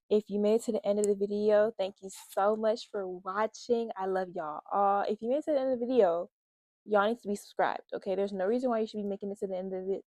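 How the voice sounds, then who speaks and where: A woman's voice: medium pitch, a little mellow, dry recording. A young woman vlogger telling a casual storytime, chatty and talking straight to her viewers. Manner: chatty, addresses viewers as y'all.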